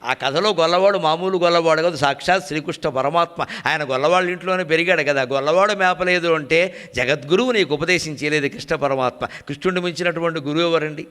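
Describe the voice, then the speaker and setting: Quick, bright-voiced man giving a sermon. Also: a little high, clear, resonant tone. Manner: rhetorical repetition, animated storytelling. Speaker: spiritual speaker. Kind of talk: devotional discourse explaining a folk tale.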